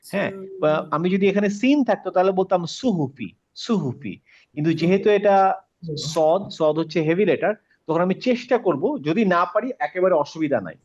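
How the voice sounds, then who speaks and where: Patient male tutor, slightly high voice, muffled call audio. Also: darkish tone. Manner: patient, repeats sounds slowly, asks students questions. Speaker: Quran recitation teacher. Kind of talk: online class lesson.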